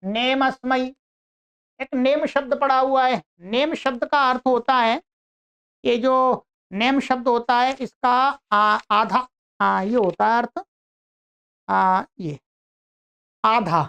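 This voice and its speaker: A woman teaching an online grammar lesson, explaining slowly and repeating her own questions to the class. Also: a little high, a bit bright, clear, resonant tone.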